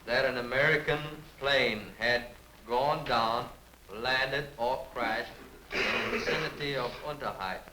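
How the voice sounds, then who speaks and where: A man interpreting live in a courtroom in short, halting phrases. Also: medium pitch. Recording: echoey archival courtroom audio, faint noise.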